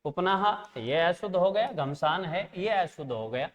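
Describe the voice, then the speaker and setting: A man's voice: a little high, lively intonation, moderate pace. A man teaching an exam-prep language lesson, patiently correcting pronunciation and spelling word by word. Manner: patient, corrects pronunciation, calls students "beta" and "friends". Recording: long reverb.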